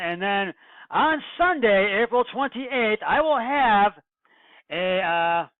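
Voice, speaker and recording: A man hosting his own sports podcast alone, talking in a halting way with many fillers and restarts. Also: high voice, no echo. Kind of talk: solo sports podcast monologue. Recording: dry, tinny phone-like sound.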